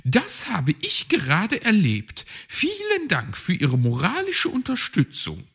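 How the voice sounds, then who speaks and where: Man putting on a shrill fussy magpie lady. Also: wildly swooping pitch, a little slow, creaky, fairly bright tone, husky, full character voice. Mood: prim, huffy. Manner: shrill, prim and bickering. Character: fussy chatty female magpie, older lady.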